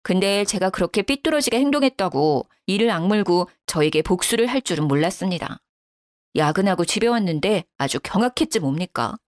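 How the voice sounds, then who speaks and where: A woman narrating a first-person story as a daughter-in-law, in a calm, low-key tone. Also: dry recording, clean studio sound.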